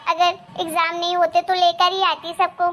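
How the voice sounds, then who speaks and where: Bright, high-pitched cartoon daughter, eager and loyal, voiced by a woman. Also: completely flat delivery, normal speed. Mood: insistent. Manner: eager, reassuring. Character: cheerful, loyal young married daughter. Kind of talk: animated cartoon voice acting.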